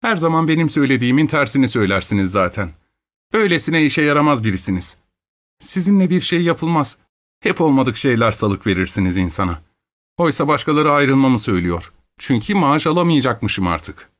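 A man's voice: big pitch swings, fairly quick, close to an everyday voice. A man putting on a flighty, capricious young wife. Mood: petulant. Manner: petulant, high-strung, exclaiming.

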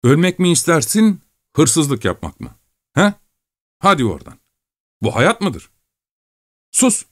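A man voicing a volatile, spoiled young male traveling companion in an audiobook reading, speaking higher than his own voice in petulant, raised outbursts. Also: big pitch swings, normal speed, no echo, clean studio sound, lightly acted. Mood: scornful.

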